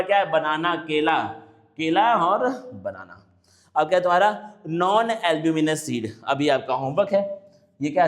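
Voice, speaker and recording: A young man teaching an exam-prep biology lesson, asking himself rhetorical questions and answering them, and reading English terms out slowly. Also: sits high. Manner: mixes Hindi with English technical terms, reads options slowly.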